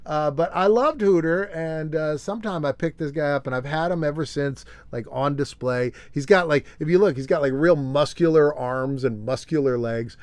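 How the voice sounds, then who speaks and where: Brief: chatty male host on a live show, slightly higher voice, rambling and nostalgic. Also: normal speed, few pauses, darkish tone, dry recording. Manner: rambling, nostalgic, chuckling, with many fillers. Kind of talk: unscripted casual show-and-tell monologue.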